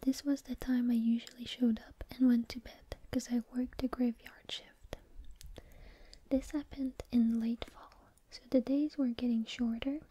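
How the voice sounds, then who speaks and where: A woman speaks entirely in a breathy whisper, as an ASMR host reading stories. Her sound is very dark and soft, with a husky, airy grain. She goes along unhurriedly and informally, moving between reading and casual rambling. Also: on the high side, little pitch movement, unhurried.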